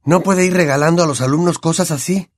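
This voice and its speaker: Guy doing a puzzled teen boy, calm and measured, dry sound. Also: on the high side, dry recording, voice pushed up, close to an everyday voice. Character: thoughtful, surprised teenage boy.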